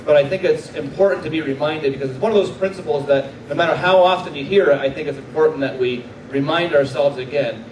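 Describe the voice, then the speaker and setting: A middle-aged man, a military chaplain, giving an earnest inspirational speech to a live audience and slowing down to stress his key points. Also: mid-range voice. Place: large room before an audience. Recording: echoey room, distant mic, faint background noise.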